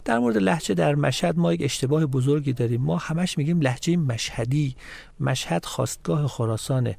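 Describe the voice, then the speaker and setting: A man's voice: fairly high pitch, expressive, vocal fry, darkish tone, no room sound. A man from Mashhad, a guest on a studio talk show, explaining local culture and reeling off long lists of places and words. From Mashhad, Iran.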